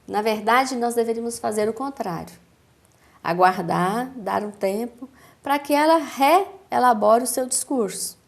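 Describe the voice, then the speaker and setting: A woman with a Brazilian accent, a speech therapist giving a calm, didactic explanation in a TV interview, with measured pauses. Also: a little high, creaky. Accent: Brazilian Portuguese.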